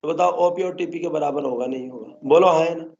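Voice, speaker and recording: A man's voice: a little high, brisk, a little mellow, lo-fi sound. A male botany teacher lecturing a class, constantly coaxing the students to answer his questions.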